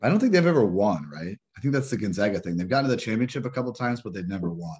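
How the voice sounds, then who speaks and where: A man co-hosting a podcast, chatting casually about sports in a rambling, halting way full of restarts. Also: on the low side, very animated, darkish tone, husky, muffled recording. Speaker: podcast co-host.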